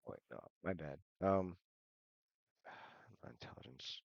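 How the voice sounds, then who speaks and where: A man narrating a tabletop game as game master, relaxed and quick to laugh. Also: deep voice, creaky, no echo, dull audio.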